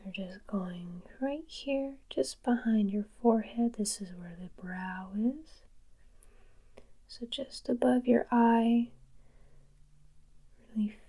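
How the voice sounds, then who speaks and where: A woman speaks in a whispered role-play for ASMR, slow and gentle. Her whisper is breathy and soft-edged, with a mellow tone and some crackly fry as she guides the listener along. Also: a little high. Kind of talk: whispered ASMR role-play, a soothing brain-cleaning session.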